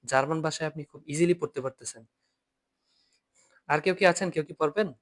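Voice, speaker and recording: A man's voice: on the high side, a little fast. A man teaching an online German class by video call, patiently repeating each point and asking students to read aloud.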